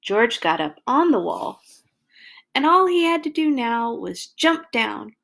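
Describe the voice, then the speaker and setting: A lively storyteller reads a children's picture book aloud for a read-along, exaggerating her emphasis for young kids. Her voice is on the high side with some vocal fry, and she reads a little slowly.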